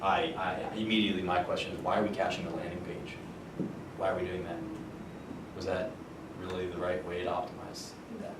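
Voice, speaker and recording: Guy with a lowish voice doing an informal tech q&a, thinks out loud, far from the mic in a rumbly room. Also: little pitch movement. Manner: halting, thinking aloud. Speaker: engineer giving a technical talk and answering questions. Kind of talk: informal technical explanation with questions. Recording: roomy, far microphone, noticeable low rumble.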